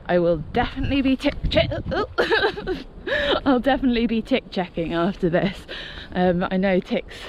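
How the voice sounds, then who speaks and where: A woman's voice: mid-range voice, fairly quick, few pauses, darkish tone, a little hiss or hum. A woman talking casually to camera while exercising on an outdoor run, chatty and self-deprecating. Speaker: running vlogger. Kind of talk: casual vlog talk to camera. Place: outdoors in a park, on the move.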